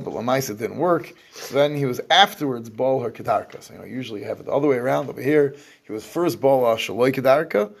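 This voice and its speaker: Gravelly man teaching a scripture class. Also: mid-range voice, slight background noise. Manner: explains in English with Hebrew terms, restarts often. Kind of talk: lecturing on scripture.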